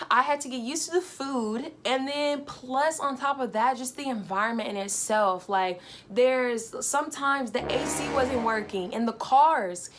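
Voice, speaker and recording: A young woman vlogger telling a casual, animated travel story, full of fillers. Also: high-pitched.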